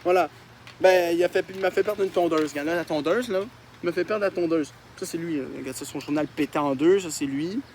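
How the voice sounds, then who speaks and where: A young Québécois man with a high-pitched voice riffs on his own childhood drawings in a casual vlog. He mocks himself and swears freely, and there is a faint hum behind him. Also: fairly quick, darkish tone. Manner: mocking, self-deprecating, swears often. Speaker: YouTuber.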